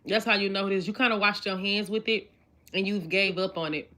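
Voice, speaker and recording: A woman's voice: medium pitch, brisk, bright, forceful tone. A woman in her twenties doing a casual tarot reading, chatty and repetitive, talking straight to her viewers. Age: 20s. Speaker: tarot reader. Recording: card shuffling noise clearly audible. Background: shuffling cards and clicks.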